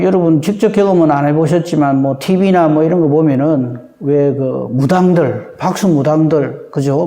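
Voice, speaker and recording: A male pastor delivering a dawn sermon in a lively, high-pitched voice with a mellow tone. He talks conversationally and keeps drawing the congregation in, and his voice rings through a reverberant church hall. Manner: conversational, often seeking agreement from the congregation.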